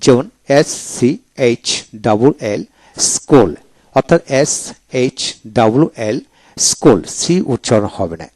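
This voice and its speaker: A man teaching English pronunciation in a video lecture, spelling each word letter by letter and then repeating it slowly. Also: mid-range voice, warm tone, no echo.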